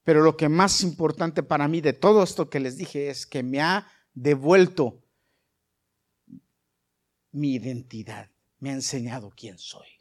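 A middle-aged pastor delivers a sermon in a fairly high-pitched male voice. He drifts into soft, conversational storytelling, then climbs into loud, emphatic preaching. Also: unhurried. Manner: swings from soft asides to loud preaching bursts.

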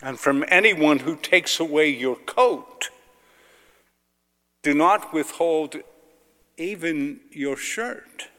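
A man, a clergyman, solemnly proclaiming scripture in deliberate short phrases, in a cathedral-like echo. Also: a little high, a bit bright. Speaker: clergyman reading the Gospel. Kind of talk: solemn liturgical Gospel proclamation. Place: large reverberant church. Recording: cathedral-like echo, long reverb.

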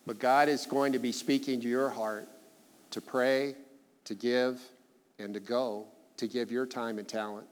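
A man's voice: mid-range voice, fairly even intonation, a little slow. A man in his sixties, a missionary, preaching earnestly at a church service and closing in prayer, with repeated rallying phrases. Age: 60s. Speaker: missionary speaker. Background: soft guitar music playing.

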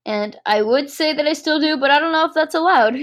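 High-pitched, fairly quick, and a bit bright, this eighteen-year-old podcast co-host chats casually through a movie recap. She rambles and makes self-deprecating remarks, with plenty of fillers.

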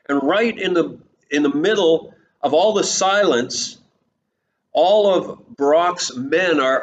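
A pastor preaching a sermon and retelling the story, breaking into quick voiced lines for its people. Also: male voice, fairly high pitch. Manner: retells the story and quotes its people in lively snatches of voice. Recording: slightly dull recording with faint hiss.

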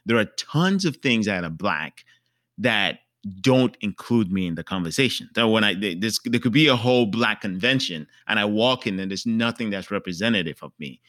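A man's voice: lowish voice, animated, moderate pace, a bit bright, dry recording, studio quality. A man from Cameroon in a casual panel discussion, asking earnest, probing questions.

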